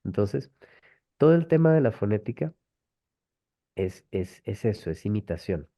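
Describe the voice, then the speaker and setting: A man's voice: fairly low pitch, sing-song, unhurried, dark tone. Man hosting a webinar. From Colombia. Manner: explanatory, patient, rhetorical tag questions. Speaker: webinar host, language method presenter. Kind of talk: online webinar answering questions. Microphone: video call. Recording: dull lo-fi call audio.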